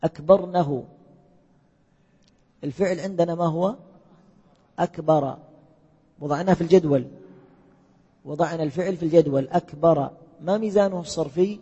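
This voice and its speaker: Husky male teacher in echoey hall. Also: a little high, dark tone. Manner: quizzes students and repeats their answers. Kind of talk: classroom lesson with questions to students. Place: lecture hall. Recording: echoey hall, muffled lo-fi sound.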